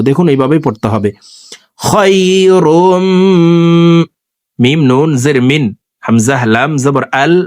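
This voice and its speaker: A man teaching scripture reading who spells out each word, then chants it in a slow, drawn-out way between brisk explanations to his viewers. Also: on the high side, a little mellow, no room sound, studio quality. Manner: addresses viewers directly. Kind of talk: spelling-out recitation lesson.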